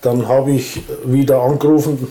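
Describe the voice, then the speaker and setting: A man's voice: medium pitch, level tone, a crowd in the background. Plain-spoken man in his sixties. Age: 60s. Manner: halting, plain-spoken, restarts. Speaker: volunteer with a senior association. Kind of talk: casual interview talk. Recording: echoey room.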